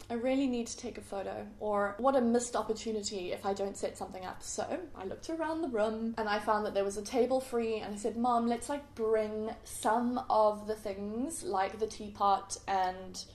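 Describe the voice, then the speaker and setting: A woman's voice: medium pitch, a little mellow, a little hiss or hum. Chatty young woman vlogger, roomy echo. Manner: chatty, self-mocking, laughs often. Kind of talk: casual confessional vlog.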